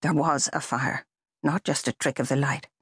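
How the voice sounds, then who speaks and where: A woman reads a novel in a measured, even storytelling voice. Her tone is somewhat breathy, recorded close and dry in a studio. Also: rumbling low, no room sound. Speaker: audiobook narrator. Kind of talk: scripted narration.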